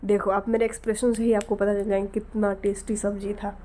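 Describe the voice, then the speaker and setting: A woman in her thirties, hoarse from a cold with a scratchy throat, chatting to viewers in a casual vlog. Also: medium pitch, little pitch movement, a little fast, warm tone. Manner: chatty, talks straight to viewers. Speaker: vlogger.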